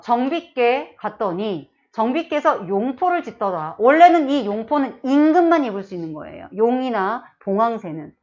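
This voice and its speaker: A woman's voice: fairly high pitch, dull audio. A woman teacher giving an exam-prep literature lecture, explaining step by step and often checking with her students.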